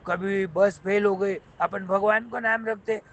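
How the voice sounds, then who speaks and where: A man telling a moral folk tale in a lively, conversational way, often repeating phrases. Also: sits high, unhurried, dull audio, slight background noise. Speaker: storyteller.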